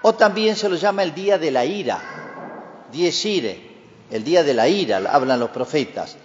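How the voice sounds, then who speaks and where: Man, priest, homily, measured liturgical cadence, church reverb with long echo tail, dull lo-fi sound. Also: fairly high pitch, animated, slight background noise. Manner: measured liturgical delivery with emphatic rises. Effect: long cathedral-like church reverb. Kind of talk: Gospel reading and homily. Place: large church.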